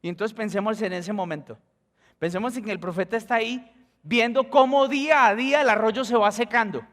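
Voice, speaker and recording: A Colombian man with a high, bright voice preaches a storytelling sermon from the pulpit. He acts out the dialogue of his story and jumps into high exclamations. A long church reverb trails every phrase. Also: brisk. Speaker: pastor. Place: church sanctuary.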